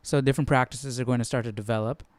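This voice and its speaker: A man hosting a Bible study gives casual, spontaneous commentary, asking questions and keeping it conversational while repeating phrases. His mid-range voice stays steady at a quick pace, with no room sound.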